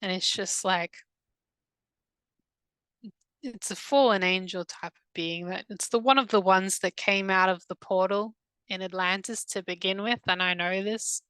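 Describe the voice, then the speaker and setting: A woman recounting a past-life regression under hypnosis, halting and hesitant, with many restarts, in a soft, subdued voice. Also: mid-range voice, clean tone, no echo, low-quality recording. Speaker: hypnosis client.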